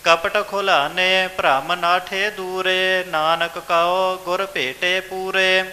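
Man chanting scripture slowly in a hall. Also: sits high, fairly even intonation, sharp tone, faint music behind. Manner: measured, sing-song chanting. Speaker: scripture reciter. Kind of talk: slow chanted scripture recitation.

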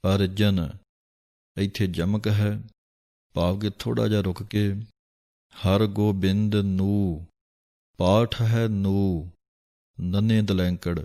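Low steady guy teaching how to recite a prayer, chants each line slow then breaks down the spelling. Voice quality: calm, measured, drawn-out chanting of each verse. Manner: recites a verse slowly, then explains its spelling and correct pauses. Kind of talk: pronunciation lesson with chanted verses.

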